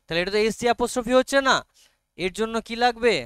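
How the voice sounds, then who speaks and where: A male teacher with a Bengali accent explains grammar to a classroom, pausing often to ask whether everyone has understood. His voice sits high and rings clear and smooth. The sound is close and dry, with no room echo. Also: fairly bright tone. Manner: frequent check-ins with students.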